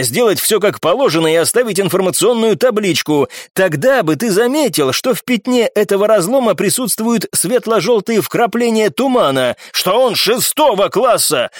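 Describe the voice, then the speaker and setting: A man voicing a stern army captain who speaks slowly and lectures with contempt. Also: high voice, no echo, clean studio sound, pitched above the performer's own voice. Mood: lecturing. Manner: slow, measured, lecturing.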